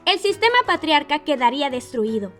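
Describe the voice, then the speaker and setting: High-voiced woman reviewing anime. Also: lively intonation, fairly quick, fairly bright tone, soft background music. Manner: explanatory, opinionated. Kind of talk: scripted review narration.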